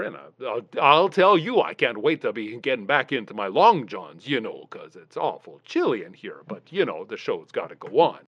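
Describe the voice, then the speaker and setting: A man hosts a comic show over the phone in a rambling, folksy way, stringing thoughts together with "you know" and "uh". His voice sits low but swings widely in pitch. The phone line sounds dull and dry. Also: no echo. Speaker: podcast host.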